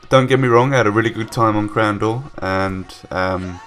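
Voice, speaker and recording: A young gaming YouTuber with a cold-stuffed nose records casual, rambling voice-over in a room at home, separately from the gameplay, with lots of ums and restarts. His voice is on the low side and a bit bright, at a moderate pace.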